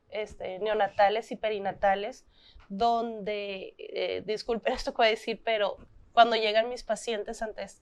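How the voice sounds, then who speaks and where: A woman with a Mexican Spanish accent, speaking as a guest in an interview, gentle and earnest, slowing down for emphasis. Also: medium pitch, clean tone. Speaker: thanatologist guest. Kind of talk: interview talk.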